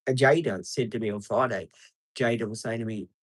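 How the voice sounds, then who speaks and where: A man's voice: lowish voice, a little fast, dry recording. A man, live streaming outdoors beside traffic and chatting casually with viewers, rambling with many ums and answering people by name. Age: 50s.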